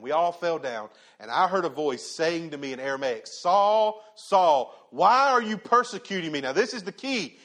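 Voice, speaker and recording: A man preaching a sermon to his church, animated, asking rhetorical questions and dropping from loud bursts to hushed tones. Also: a little high. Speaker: pastor.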